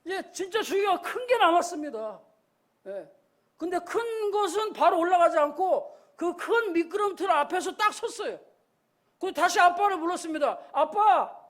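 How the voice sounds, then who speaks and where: A man's voice: very high voice, lively intonation, normal speed, a bit bright. A male pastor giving a Sunday sermon, telling a story and acting out the voices in it.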